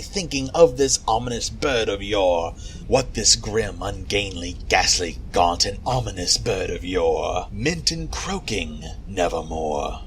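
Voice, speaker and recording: A man's voice: medium pitch, rough recording. A man giving a dramatic recitation of a gothic poem in a hammy, theatrical stage-actor manner. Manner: swings from hushed to loud impassioned cries. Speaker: poetry reader. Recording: music under the voice. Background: background music.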